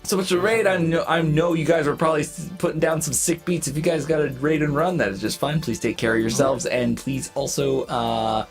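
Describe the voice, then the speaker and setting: A streamer hosting a casual group livestream chat, with excitable, gushing greetings for viewers. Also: medium pitch, brisk, few pauses. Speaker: streamer host, VTuber. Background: background music.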